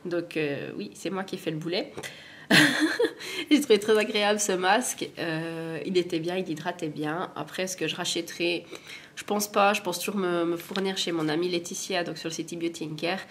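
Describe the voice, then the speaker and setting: A woman with a cold, her voice sitting on the low side, talks casually and at length. She rambles and laughs at her own clumsiness. A faint hiss of background noise runs under her voice. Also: a little fast. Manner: chatty, rambling, self-deprecating. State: has a cold. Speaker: beauty vlogger. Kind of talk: casual product review chat.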